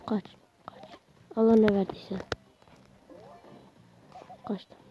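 A woman giving live commentary while playing a video game, excitable and urging her teammates on with slangy shouts. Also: mid-range voice, very slow, highs cut off. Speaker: gaming channel host. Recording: clear background noise and game clicks.

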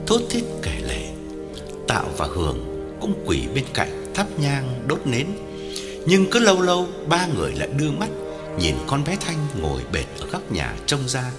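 Brief: male storyteller, ghost story, very lively pitch, hall reverb with music beneath. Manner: dramatic, highly varied intonation.

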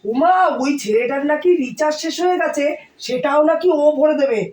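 A woman playing a scolding, hoarse Kolkata mother. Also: high voice, expressive, brisk, a little mellow. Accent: Kolkata Bengali. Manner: scolding, nagging, raised voice. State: hoarse from a cold. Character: scolding strict Bengali mother, middle-aged. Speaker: mother in a short family skit. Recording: echoey room, voice from far off.

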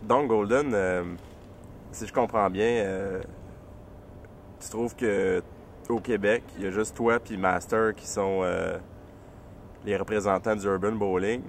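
Hesitant Québécois interviewer, low voice. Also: male voice, fairly even intonation, slow, pauses often, slight background noise. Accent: Quebec French. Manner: hesitant, full of euh. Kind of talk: mockumentary interview questions.

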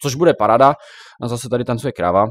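A young man giving casual, chatty commentary while showing a game, now and then reacting loudly to in-game creatures. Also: mid-range voice, no echo, clean studio sound. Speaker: Minecraft YouTuber.

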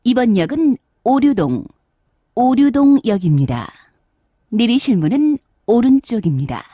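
Mellow woman making formal subway announcements. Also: on the high side, big pitch swings, dry recording, studio quality. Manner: formal, measured public-announcement delivery. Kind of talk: scripted train announcement.

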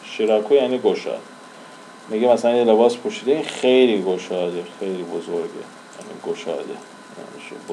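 Man teaching, low mellow voice, patient drawl, faint room hum. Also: rough recording. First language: Persian. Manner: explains slowly, repeats and drawls example words. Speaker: language teacher. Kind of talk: casual spoken lesson.

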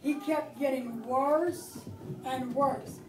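Taking it slowly, a middle-aged woman with a high-sitting voice and fairly even intonation reads a Bible story to preschoolers in a church classroom and invites them to join in. There's background noise, and the distant camera mic picks up an echoey room.

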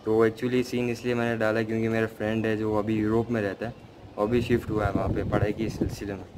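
A young man from India vlogging outdoors, rambling and self-critical, mixing English into his talk, with loud wind on the phone mic. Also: on the low side, little pitch movement, fast, rough recording. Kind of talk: casual vlog chat. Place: outdoors by a road, wind blowing. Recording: loud wind and street noise.

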